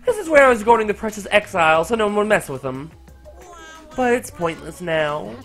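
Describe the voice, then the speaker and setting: A man's voice: high-pitched, sing-song, a little fast, a bit bright, faint music behind, voice pushed up, full character voice. A man voicing a mischievous male robot bear who taunts the players in a video game, with a sing-song, teasing delivery. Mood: gleeful.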